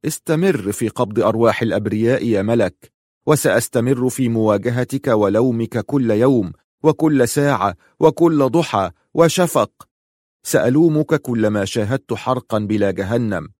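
A man reading an audiobook, slow, grave and mournful. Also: lowish voice, darkish tone, dry recording, studio quality. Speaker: narrator.

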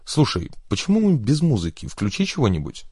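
A man voicing an unflappable male gangster who talks in a calm, everyday tone. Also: mid-range voice, fairly quick, slightly rough, dry recording, clean studio sound, voice pushed up. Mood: calm cocky.

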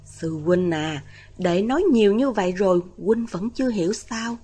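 A woman voicing a calm, knowing young male exorcist in a storybook reading, explaining patiently. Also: medium pitch, normal speed, slightly rough.

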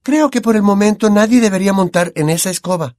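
A man voicing a bookish, worried teenage girl in an audiobook, with high, insistent questions. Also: quick pace, a little mellow, no room sound, studio quality, close to an everyday voice. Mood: uneasy.

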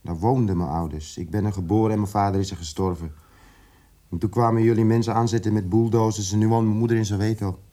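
An actor in a radio drama plays an educated, indignant South African radical who is articulate, emphatic and repeats words for weight, with a guarded mood. His male voice is fairly low, dark, steady in tone and natural, and he talks fast.

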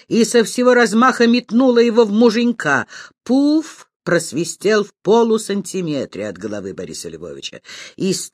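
Woman, audiobook narrator, animated, wide-ranging pitch, dry close sound. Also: dry recording. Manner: expressive, animated storytelling. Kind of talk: scripted first-person narration.

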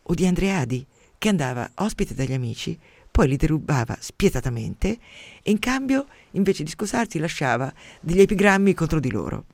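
A man with a fairly high voice hosts a radio programme, reading and commenting on poetry in a theatrical way. He bursts out loudly, then sinks to near-whispers. The studio sound is dry and close. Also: sing-song, normal speed, no echo. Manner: impassioned, theatrical reading with sudden loud outbursts and hushed drops. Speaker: radio host.

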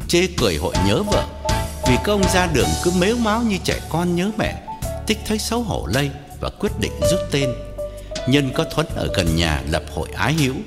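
A man narrating a story as an audiobook reader, expressive and swinging his pitch. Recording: long hall reverb, guitar music behind.

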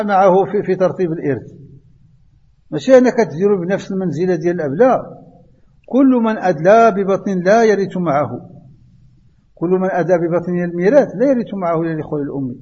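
Moroccan teacher lecturing in echoey hall. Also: male voice, high voice, warm tone, husky, highs cut off. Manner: questioning students, quoting verse, many restarts. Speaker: Islamic law teacher. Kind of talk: classroom lesson on inheritance law.

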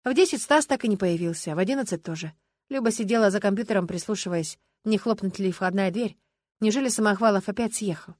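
A woman reading an audiobook aloud in an even, measured way. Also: mid-range voice, dry recording, studio quality. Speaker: audiobook narrator. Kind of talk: scripted narration.

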